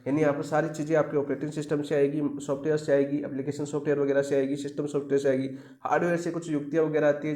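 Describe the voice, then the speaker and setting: A man's voice: a little high, dark tone, roomy sound. A man teaching an exam-prep lecture who keeps asking the class questions and answering them himself.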